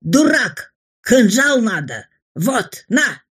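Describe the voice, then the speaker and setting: A woman's voice: a little high, big pitch swings, drawn-out words, fairly bright tone, breathy edge, pitched above the performer's own voice, full character voice. A woman voicing a fearless, jovial adult mountaineer who speaks in broken phrases. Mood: gleeful. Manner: broken speech, bold and jovial. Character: boisterous adult male mountaineer, barber, fearless.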